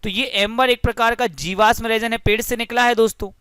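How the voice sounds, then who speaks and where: A man's voice: very high-pitched, fairly even intonation, fast, bright, forceful tone, clean tone, no echo, clean studio sound. A young man teaching a physics lesson through a story, friendly and explanatory, often addressing the listeners as friends.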